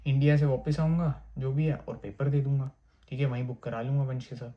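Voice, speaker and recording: A man's voice: mid-range voice, little pitch movement, a little fast, muffled recording. A young man from India telling a personal story in a casual, chatty way, often calling out "bro" and swearing. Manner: chatty, keeps saying "bhai", swears. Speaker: vlogger.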